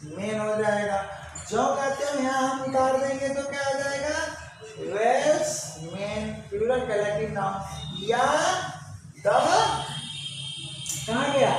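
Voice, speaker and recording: Guy teaching grammar, keeps asking then answering himself, super echoey room, far off mic, noisy. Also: very high voice. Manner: asks questions and answers them himself, repeating each answer. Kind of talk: classroom grammar lesson. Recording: echoey room, distant mic, background noise.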